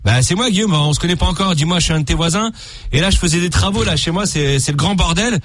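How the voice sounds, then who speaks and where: A husky-voiced man in casual live banter as a contestant and prank caller on a radio show. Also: on the high side, expressive, fast, a bit bright, dry recording. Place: radio studio. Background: music bed.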